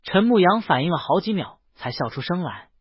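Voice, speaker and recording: This man has a high, animated, slightly rough voice and reads fairly quickly. He narrates a scripted romance novel as an audiobook, performing the characters' lines as part of the narration. He sits close to the mic in a dry, muffled recording without room sound.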